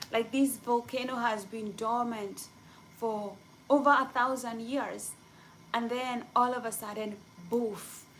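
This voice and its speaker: A young woman from Kenya talks slowly and excitably to her viewers, her voice sitting a little high. She rambles with plenty of fillers in a loose, casual live chat, with a faint hum of ambience behind her. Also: poor audio. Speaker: livestreamer chatting with viewers.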